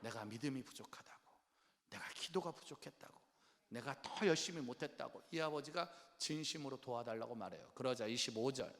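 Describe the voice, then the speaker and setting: A man preaching a revival sermon as pastor, swinging between loud exhortation and quiet low lines and firing questions at the congregation. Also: brisk. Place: large church worship hall. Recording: long church hall reverb.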